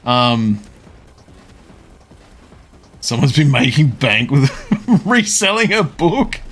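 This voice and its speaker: A man streaming a video game live, talking casually and answering his chat with frequent pauses to think. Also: medium pitch, big pitch swings, fairly bright tone, slightly rough, faint music behind. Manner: responds to chat messages, pausing often to think.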